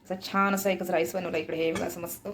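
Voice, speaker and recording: A woman's voice: lowish voice, level tone, quick pace, a little hiss or hum. A woman chatting casually and teasingly at home for her vlog, laughing often. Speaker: vlogger. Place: home indoors.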